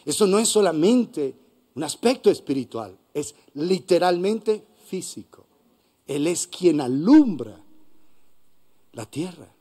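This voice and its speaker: Impassioned Colombian pastor preaching. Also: male voice, a little high, sing-song, slow pace, slightly rough. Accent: Colombian Spanish. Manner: impassioned, swings from hushed to loud. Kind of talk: sermon. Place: church hall.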